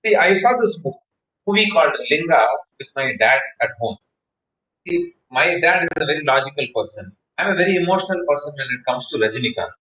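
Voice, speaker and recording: With a fairly high, sing-song voice that is bright and forceful, a man with an Indian accent speaks a little fast in an online public-speaking training session by video call. He explains emphatically using anecdotes and repeated phrases. The distant mic makes the call recording muffled and echoey.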